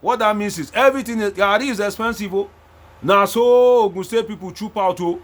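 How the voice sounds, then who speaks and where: A Nigerian man giving animated political commentary, singing chants and mimicking voices, with loud bursts and hushed asides. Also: sits high, fairly quick. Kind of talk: animated commentary mixing Pidgin and Yoruba.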